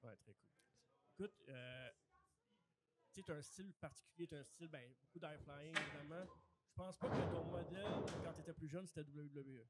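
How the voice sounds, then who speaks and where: A man's voice: on the high side, brisk. A man with a Québécois French accent co-hosting a podcast live at a wrestling event, asking chatty questions. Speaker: podcast co-host. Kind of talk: casual podcast interview. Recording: crowd noise behind. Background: crowd.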